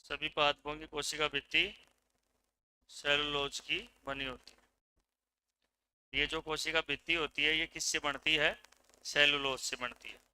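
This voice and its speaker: A man's voice: on the high side, flat delivery, unhurried, long pauses, bright, forceful tone, smooth, low-quality recording. A man teaching a class, giving dictation and drilling students by repeating his questions and their answers. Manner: gives dictation commands. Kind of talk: classroom lecture.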